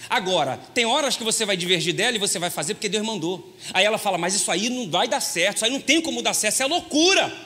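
A man preaching a lively, joking sermon as pastor, folksy and constantly addressing his listeners as brother. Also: high-pitched, quick pace, few pauses. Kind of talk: lively sermon with humorous stories. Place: church hall. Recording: long hall reverb.

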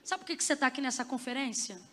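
A woman preacher with a high, bright voice delivers an impassioned sermon, building to fervent shouts. Her words ring out with a long reverb in a big conference hall. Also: expressive, racing.

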